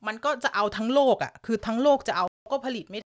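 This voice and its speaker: A woman from Thailand hosts a loose, chatty live stream from an upstairs room at home. Her voice sits a little high, and she giggles often as she answers viewers. A lingering cough hangs about her. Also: quick pace. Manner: chatty, giggly, reads viewer comments aloud. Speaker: live-stream news host. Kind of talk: casual live-stream chat.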